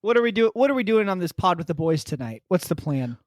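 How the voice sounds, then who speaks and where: A man's voice: high voice, very animated, quick pace, no room sound, clean studio sound. A man who co-hosts a casual podcast and keeps the conversation moving in a laid-back way. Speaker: podcast co-host, community outreach director.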